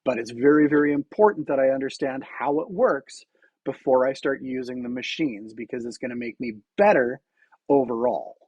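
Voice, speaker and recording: A man with a medium-pitched, darkish, slightly rough voice live-streams his coding, thinking aloud at a moderate pace as he types. He restarts sentences often and uses fillers, and there's no echo.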